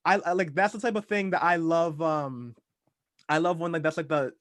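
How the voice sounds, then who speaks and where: A man's voice: on the high side, steady tone, normal speed, a bit bright, no room sound, clean studio sound. A man from the Dominican Republic hosting a podcast interview, chatting in an enthusiastic, friendly way with frequent restarts. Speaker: podcast host. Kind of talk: casual interview chat.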